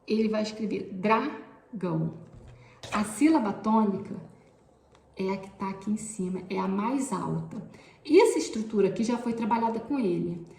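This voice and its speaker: A woman's voice: mid-range voice, expressive, normal speed, gravelly, warm tone, echoey room, a little hiss or hum. A woman teacher, explaining classroom activities step by step and often pointing things out. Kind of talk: instructional explanation.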